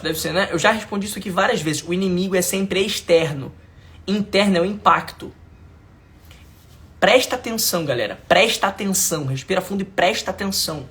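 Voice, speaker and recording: A man with a Brazilian Portuguese accent teaches a live online class as a mentor, his voice high-pitched with a fairly bright tone. He is emphatic and informal, using slang, repeating lines, talking straight to viewers and asking whether it makes sense.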